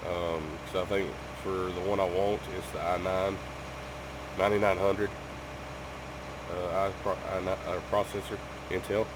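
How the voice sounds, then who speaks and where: A sick gaming YouTuber with a deep voice and a cough chats casually to his viewers from home. He rambles, full of ums and restarts, over background noise.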